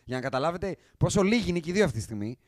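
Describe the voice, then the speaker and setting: Male podcast host, emphatic and animated, slightly high voice, dry sound. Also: no room sound. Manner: animated, emphatic, quick swings in loudness. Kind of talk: casual sports chat.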